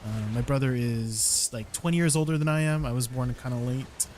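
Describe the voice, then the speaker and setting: A man's voice: mid-range voice, moderate pace, darkish tone. A man with a mid-range voice chats casually on a live stream. He tells stories conversationally and picks up comments from viewers as he goes. Faint ambient noise sits behind his voice. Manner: chatty storytelling, repeating viewer comments aloud.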